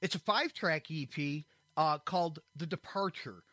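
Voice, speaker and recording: A man's voice: a little high, normal speed, bright, forceful tone, no room sound. A man hosting a rock podcast interview, effusive and friendly, often calling his guests man and brother. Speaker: podcast host.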